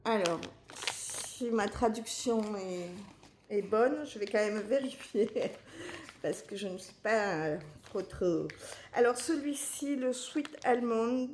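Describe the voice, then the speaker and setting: A middle-aged woman talks to her viewers slowly and gently, pausing often and restarting her sentences. Her voice is mellow and sits slightly high. The room has a noticeable echo. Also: animated, slight background noise. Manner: gentle, chatty, with many fillers and restarts. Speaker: vlogger. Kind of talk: casual unboxing chat.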